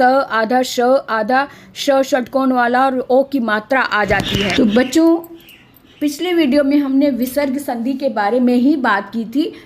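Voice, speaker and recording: Lady teaching grammar to kids, talks slow and patient, keeps asking if they get it. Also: sits high. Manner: patient, explanatory, checks understanding with tag questions; reads examples out slowly and clearly. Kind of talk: classroom-style grammar lesson.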